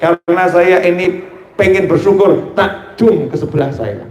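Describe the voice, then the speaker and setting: A man with a high voice delivers a lively sermon in a way, cracking jokes and slipping into short acted exchanges. His voice rings through an echoey hall. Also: a little slow, background noise. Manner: joking, acts out dialogue in quoted voices. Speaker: preacher. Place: religious gathering hall.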